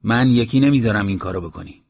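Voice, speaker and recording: A man's voice: lowish voice, gravelly, breathy edge. A man voicing a shrewd, wise male villager who speaks firmly and with calculation, on a dull lo-fi audiobook recording. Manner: calculating, firm.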